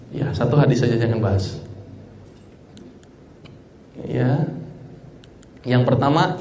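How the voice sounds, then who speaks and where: Guy doing a health talk like a doctor, acts out his stories, jokey, sounds far from the mic, faint room hum behind. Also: mid-range voice. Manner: animated storyteller, acts out dialogue, jokes with audience. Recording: echoey hall, voice from far off.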